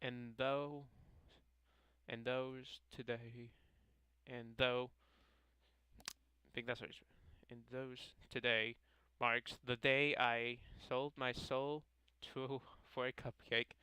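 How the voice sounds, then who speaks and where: A man's voice: mid-range voice, little pitch movement, slow pace, sharp tone, smooth, no room sound, rough recording. A young man casually reading a visual novel aloud to his viewers, stumbling over lines and joking at his own expense. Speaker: gaming video creator.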